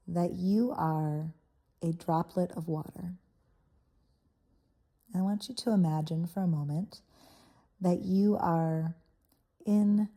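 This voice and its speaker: A guided meditation host, a woman with a very mellow, relaxed, slightly low and gravelly voice, leads a soft guided visualization. She speaks soothingly in short phrases, and the pauses between them keep the delivery unhurried.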